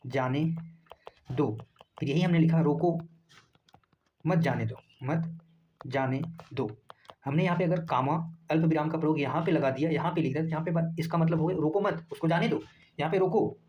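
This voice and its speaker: A man's voice: on the high side, a little mellow, a little hiss or hum, rough recording. A male teacher running an exam-prep grammar lesson, repeating each point and asking questions that he then answers himself. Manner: repetitive, quizzing the class and answering himself.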